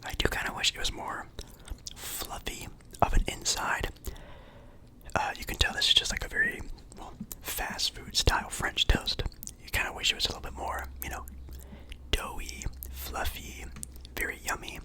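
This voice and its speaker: A man's voice: very high-pitched, very animated, moderate pace. A young man whispering casually as an ASMR creator, chatting about food between bites.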